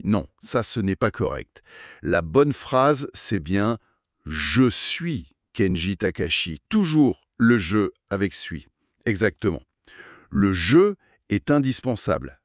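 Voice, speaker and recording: A man teaching a beginner French lesson, speaking slowly and deliberately and repeating key phrases so they are easy to follow. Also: fairly low pitch, no room sound, clean studio sound. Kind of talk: slow articulated beginner lesson.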